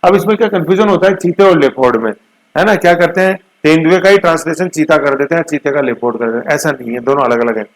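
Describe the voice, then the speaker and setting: A man's voice: a little high, fast, low-quality recording. A middle-aged man, teaching current affairs for exam prep in a chatty way, checking in often with his students. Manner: chatty, repeats checks like "theek hai na".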